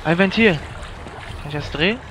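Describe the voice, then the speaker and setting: A man's voice: on the high side, measured pace, background noise. Jokey man commenting on a horror game. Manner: jokey, self-mocking running commentary; yelps and shouts when startled. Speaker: let's play gamer. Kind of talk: let's play commentary.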